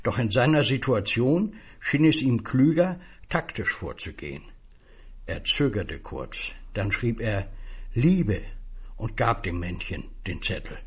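A man reading a story aloud in an expressive, husky voice. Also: fairly low pitch, measured pace, highs cut off.

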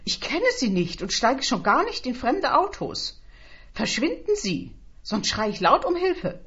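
A woman voicing an excitable elderly woman with a walker who gushes and squeals, then turns indignant. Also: measured pace, lo-fi sound. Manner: shrill, gushing and indignant.

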